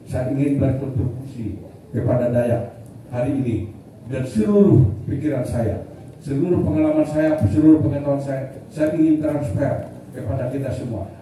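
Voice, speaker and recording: A middle-aged man leading an organization, giving a blunt, military-style rallying speech that builds to loud repeated declarations. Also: mid-range voice, moderate pace. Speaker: leader of a community organization addressing members. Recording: echoey hall, mic far off, faint noise.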